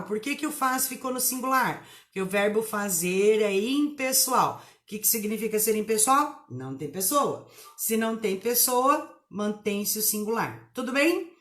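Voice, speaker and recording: A woman's voice: fairly high pitch, fairly bright tone. A woman teaching a live online writing lesson, emphatic, spelling words out and asking rhetorical questions.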